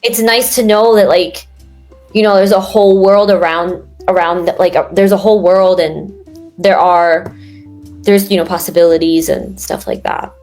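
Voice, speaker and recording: A woman's voice: lowish voice, steady tone, moderate pace, a little mellow, faint music behind. Chatty young woman from New York. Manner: rambling, many fillers and restarts. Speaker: guest. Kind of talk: casual interview chat.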